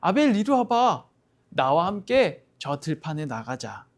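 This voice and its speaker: A man's voice: fairly high pitch, expressive, unhurried. A man voicing a jealous, angry young older brother who talks back brazenly, in a Bible story told to children. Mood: coaxing. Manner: indignant, brazen.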